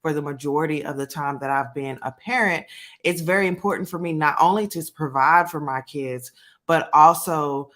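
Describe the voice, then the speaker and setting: A woman's voice: low-pitched, moderate pace, a bit bright. Chatty woman hosting a commentary channel. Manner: hesitant, many fillers. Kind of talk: casual commentary to camera.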